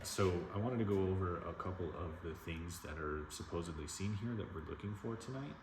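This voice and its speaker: A man's voice: low-pitched, a little fast. A man hosting a paranormal vlog, talking casually as he shows the place around. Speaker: vlog host. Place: inside an old hotel. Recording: noisy on-location camera audio. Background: clear room noise and ambience.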